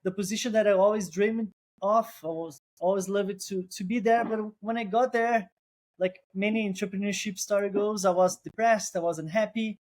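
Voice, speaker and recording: With a high, steady and slightly mellow voice at normal speed, this man is a co-founder being interviewed casually. His Brazilian accent comes through in non-native phrasing, and he reflects carefully, often restarting what he's saying.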